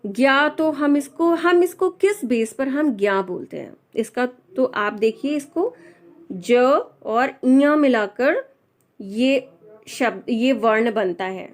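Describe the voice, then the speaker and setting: A woman gives a slow, step-by-step lesson on pronunciation. Her voice sits a little high, and she patiently repeats and stresses each sound to set it right. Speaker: Hindi language teacher.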